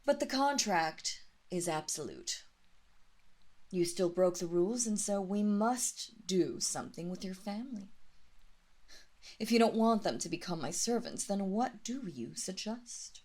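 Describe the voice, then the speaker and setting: In an intimate roleplay audio drama, a woman performs a seductive, commanding vampire mistress with a medium-pitched, animated voice that turns stern and surprised. She still speaks softly and deliberately, in breathy half-whispers full of hypnotic, teasing condescension.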